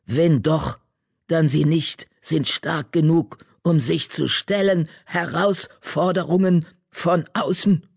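A man voicing a wise old female badger seer who speaks slowly in broken, oddly ordered sentences. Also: fairly high pitch, vocal fry, slightly rough, no room sound, studio quality, heavily acted. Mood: calm. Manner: slow, broken word order, calm.

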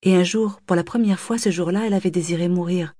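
A woman narrating a literary audiobook in a measured, expressive reading. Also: lowish voice, dry recording, clean studio sound.

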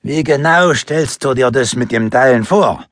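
A man's voice: mid-range voice, measured pace, a bit bright, no room sound, studio quality, lightly acted. A man voicing a male robber sidekick with a club, sarcastic and combative.

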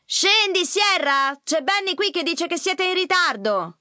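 A woman doing a bossy shouting mother. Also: very high voice, very animated, measured pace, dry recording, studio quality, voice pushed up, exaggerated voice. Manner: shouting, emphatic. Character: loud, bossy mother calling from downstairs. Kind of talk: audiobook character voice.

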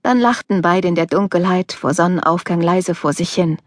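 A woman reading an audiobook in a measured, even narration, close to a studio mic. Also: fairly low pitch, dry recording. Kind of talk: scripted narration.

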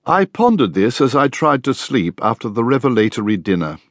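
A man narrating an audiobook in the first person with a wry, measured delivery. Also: medium pitch, sing-song, dry recording, clean studio sound.

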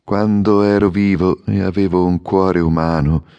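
A man voicing a grave golden statue of a sorrowful prince in an audiobook fairy tale, speaking in a solemn, measured way. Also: low-pitched, fairly even intonation, mellow, clear, resonant tone, no echo, muffled recording. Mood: melancholy. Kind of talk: audiobook character reading.

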